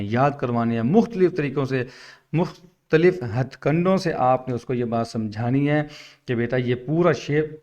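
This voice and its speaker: A man teaching how to teach the Quran. He talks to other teachers, sometimes speaks to a pupil, and draws out syllables while spelling letters patiently. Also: mid-range voice. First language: Urdu. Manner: explains patiently, drawn-out syllables when spelling. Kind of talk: instructional talk to teachers.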